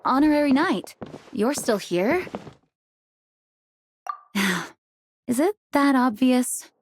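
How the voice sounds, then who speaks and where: An actress playing a composed, dutiful female knight leader in a video game, formal, gentle and courteous. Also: sits high, animated, takes it slowly, a little hiss or hum.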